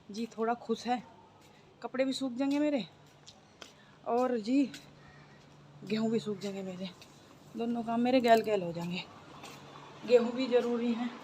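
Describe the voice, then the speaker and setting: A woman's voice: fairly high pitch, dark tone, a little hiss or hum. A woman with a sore throat, chatting through a casual daily-life vlog on a rooftop. She repeats herself and keeps turning to her viewers. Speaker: vlogger. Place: rooftop, outdoors.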